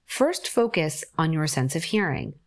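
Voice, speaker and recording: A woman guiding a forest bathing meditation, giving calm, gentle instructions with long pauses. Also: low-pitched. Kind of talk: guided meditation narration.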